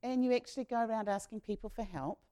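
A woman, leading an all-age sermon as a minister and retelling a story in a lively, slangy, conversational way. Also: on the high side, quick pace. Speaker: minister leading a children's talk.

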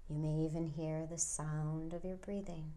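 A woman guiding a hypnosis induction as a hypnotist, speaking in a soft, soothing near-whisper with long pauses. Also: low-pitched, level tone. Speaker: hypnotist guiding a relaxation session.

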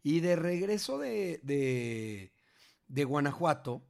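Animated Mexican man telling a story. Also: a little high, slow pace, vocal fry. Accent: Mexican Spanish. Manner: animated, slangy, restarts and acts out quotes. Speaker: parent telling a story to his grown child. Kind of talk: casual storytelling conversation.

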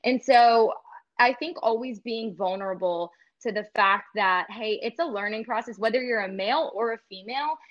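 Pitched on the high side and speaking at a moderate pace, the sports reporter and host chats earnestly in a casual podcast interview, sprinkling in many "like"s and "you know"s. Her recording has the highs cut off.

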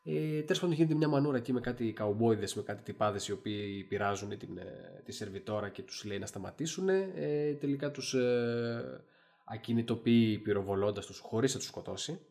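Low-voiced man retelling episodes animatedly. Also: gravelly. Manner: animated retelling with many fillers and restarts. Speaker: podcast co-host. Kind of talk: casual discussion.

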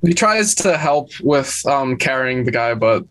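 A woman acting as game master, narrating a tabletop role-playing game in a casual, halting way. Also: a bass voice, big pitch swings, soft background music, rough recording.

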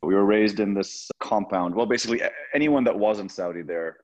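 Deep-voiced man, reflective guest. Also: fairly quick. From Lebanon. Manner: reflective, with frequent restarts and light laughs. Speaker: podcast guest. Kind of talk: casual interview talk. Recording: slightly dull lo-fi sound.

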